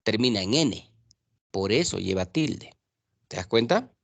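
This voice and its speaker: A man lectures students in an online class, his pitch rising and falling with a lively swing. He lays out rules patiently and keeps checking that they follow along. The sound is dry and close, with no room echo. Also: creaky. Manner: explains rules slowly, checks with students constantly. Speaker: teacher.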